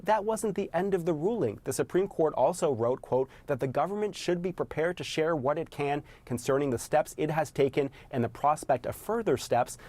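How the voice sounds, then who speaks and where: A man delivering a scripted news fact-check, laying out points one by one in a brisk, methodical way. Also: on the high side, darkish tone. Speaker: senior reporter, fact-checker.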